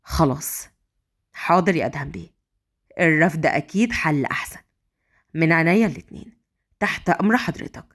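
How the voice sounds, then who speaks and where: A woman's voice: fairly low pitch, animated, quick pace, long pauses, pitched below the performer's own voice. A woman voicing a nervous university dean who placates and defers. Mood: placating. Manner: hesitant, soothing, deferential.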